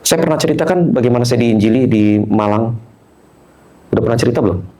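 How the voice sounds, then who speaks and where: A man's voice: medium pitch, fast. A man preaching a sermon in a church, telling stories and acting out the people in them, often turning to address the congregation. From Indonesia. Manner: animated, acts out characters in dialogue, addresses congregation often. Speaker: pastor. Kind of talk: sermon with storytelling. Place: church hall.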